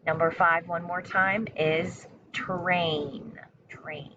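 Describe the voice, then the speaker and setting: A woman teacher speaks extremely slowly in a slightly low voice, as in a spelling dictation. She enunciates with care and repeats herself in an instructional, encouraging manner. The recording is somewhat muffled and lo-fi. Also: steady tone, sharp tone. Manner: deliberate, carefully enunciated, repeating words. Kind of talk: spelling test dictation lesson. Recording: muffled lo-fi sound with faint noise.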